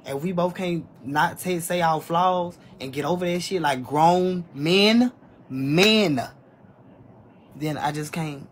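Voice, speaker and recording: Young man in his 20s, husky tone, slightly high voice, candid live-streamer answering chat on a phone. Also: slow pace. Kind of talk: casual live-stream talk to viewers. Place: small room indoors. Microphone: phone held at arm's length.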